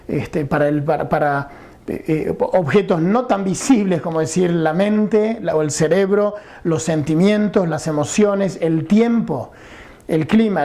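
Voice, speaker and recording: A man's voice: fairly high pitch, mellow. A middle-aged man teaching an English grammar lesson, explaining patiently and often checking understanding.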